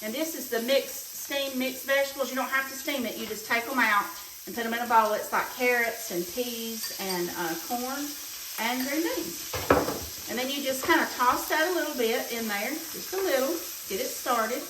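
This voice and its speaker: At a moderate pace and fairly high pitch, a cooking show host chats warmly while she cooks at the stove in her home kitchen. The mic sits at a distance in the roomy space, catching the sizzle of a frying pan.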